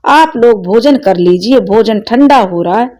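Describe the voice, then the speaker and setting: A woman's voice: a little high, expressive, measured pace, a little mellow. A woman voicing a strict middle-aged mother who scolds and commands her daughter.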